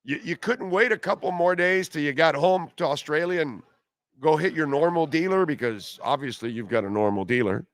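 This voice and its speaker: A man's voice: fairly high pitch, expressive, normal speed, no room sound. A man hosting a radio show, delivering a mocking, exasperated comedy rant that escalates as sports-talk commentary.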